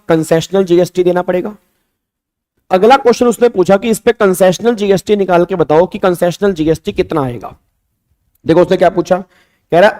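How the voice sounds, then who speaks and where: Male tax tutor, high mellow voice, pushy drilling delivery. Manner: drills students with repeated questions, scolding and urging; acts out examiner and students in quoted lines. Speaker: tax teacher. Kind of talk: online exam-prep lecture.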